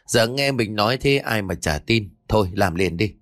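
A man's voice: fairly low pitch, expressive, normal speed, fairly bright tone, dry recording, studio quality. A man voicing a scheming, bossy eldest son. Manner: bossy, snapping orders.

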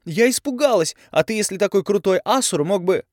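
A furious young woman on the verge of tears, her voice high and straining as she shouts, put on by a male narrator. The recording is close and dry. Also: expressive, normal speed, no echo. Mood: shouting. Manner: shrill, yelling, near tears.

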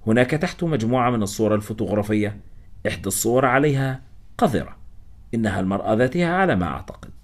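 A man narrating a first-person story as a scripted audiobook reading, with a steady storytelling manner. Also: medium pitch.

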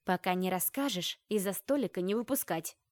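A woman's voice: mid-range voice, expressive, fairly quick, dry recording, studio quality, lightly acted. A woman reading an audiobook voices a nosy young woman student who teases her friend. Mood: teasing. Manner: teasing, snorting.

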